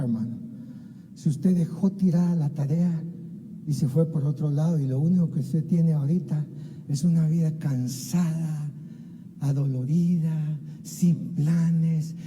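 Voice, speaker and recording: An impassioned man preaching a sermon with a deep, mellow, warm tone pitched slightly high. He calls out to the congregation and acts out scripture scenes. His voice rings with the long reverb of a church hall. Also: measured pace. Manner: impassioned, keeps addressing listeners as "hermano"; acts out biblical dialogue. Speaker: pastor. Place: church sanctuary.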